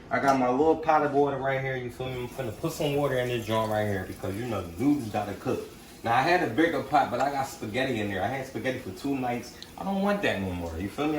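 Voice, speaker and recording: A little hiss or hum sits under this young man's mid-range voice, which sounds roomy and distant from the mic. As a vlogger cooking for his family at home, he chats in the kitchen in a laid-back, slangy style, regularly checking "you feel me?" It's easygoing cooking vlog conversation.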